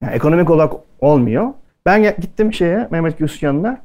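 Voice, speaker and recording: A man from Türkiye tells stories to a live audience in a loose, conversational way. His voice sits a little high for a man, and he keeps slipping into the voices of the people he quotes. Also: animated, fast, darkish tone. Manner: chatty anecdotal delivery, acting out quoted dialogue. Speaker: speaker at a culinary event. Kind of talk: casual storytelling talk to an audience.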